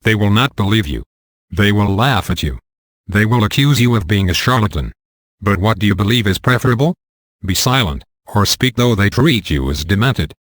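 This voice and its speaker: A man reading the lines of a gentle, wise female alien visitor in a calm, earnest audiobook reading. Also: fairly low pitch, moderate pace, dry recording.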